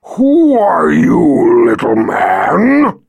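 A man voicing a huge proud young male red dragon, speaking slowly and booming as if from far off. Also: wildly swooping pitch, creaky, a little mellow, breathy edge, dry recording, muffled recording, full character voice. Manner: slow, booming, growling.

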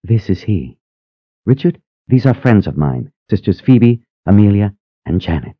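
A man voicing a calm, stern senior sister. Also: fairly low pitch, unhurried, breathy edge, no room sound, highs cut off, full character voice. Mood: composed. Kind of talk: audiobook character voice.

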